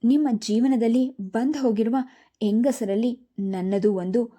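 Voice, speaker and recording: Woman narrator playing a direct, cheerful lady doctor, dark mellow voice, storybook. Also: on the high side, a little slow. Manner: warm, direct.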